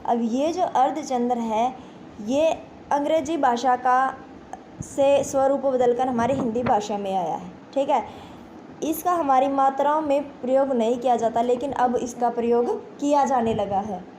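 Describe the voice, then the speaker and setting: Woman teacher going over grammar step by step, high voice, soft dark tone, a bit of hiss behind. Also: measured pace. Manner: explains step by step, asks questions and answers them herself; addresses pupils as children, repeats "ठीक है". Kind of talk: Hindi grammar lesson for exam students.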